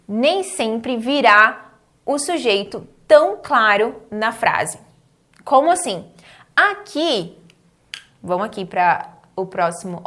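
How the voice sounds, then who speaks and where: A woman with a Brazilian Portuguese accent teaching an online English lesson, saying example phrases slowly and prompting students to repeat them. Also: fairly high pitch, fairly bright tone. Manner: encouraging, checks understanding with "tá?" and "certo?".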